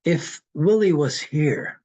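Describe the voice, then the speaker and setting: Old guy in his 80s, from hungary, rambles slowly and philosophically, unhurried. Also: on the high side, expressive, a little mellow, rough recording. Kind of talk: casual conversation.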